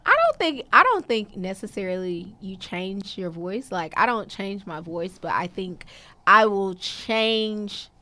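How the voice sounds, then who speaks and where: A woman attorney co-hosting a podcast, telling stories in an animated way and laughing as she talks. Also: mid-range voice, measured pace. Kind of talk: casual chat.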